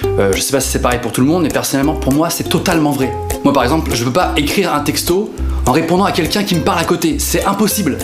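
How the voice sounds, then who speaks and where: A man's voice: fairly high pitch, quick pace. A young man from northern France, a comedian hosting a sketch monologue in a casual, slangy, self-mocking way. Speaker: comedian host. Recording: roomy sound with background music.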